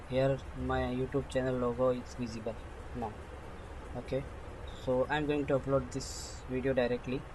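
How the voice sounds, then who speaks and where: Halting man, flat screen-recording voice-over. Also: medium pitch, noisy background. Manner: halting, step-by-step narration in short phrases. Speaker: tutorial presenter.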